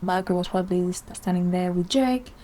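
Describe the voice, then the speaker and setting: A woman's voice: fairly low pitch, fairly quick, warm tone. A woman giving chatty, opinionated commentary in a casual vlog, rambling with asides. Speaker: video essayist.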